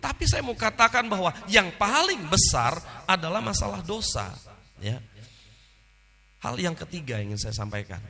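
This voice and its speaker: A male pastor preaching a sermon into a microphone, animated and constantly addressing the congregation directly. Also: high-pitched, normal speed. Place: church hall. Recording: long reverb in a church hall.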